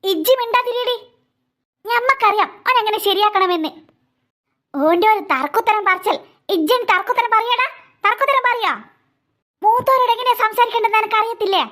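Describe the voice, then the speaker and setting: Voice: extremely high pitch, fairly quick, pauses often. A performer voicing a strict elderly aunt who scolds a boy sharply, with a Malabar Malayalam accent. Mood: scolding. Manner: sharp, scolding, ear-pulling threats.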